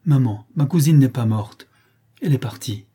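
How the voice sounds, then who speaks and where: A man's voice: medium pitch, normal speed, mellow, breathy edge, pitched above the performer's own voice. A man voicing a dignified young countess in an audiobook, speaking in an earnest, pleading yet firm way. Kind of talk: audiobook character reading.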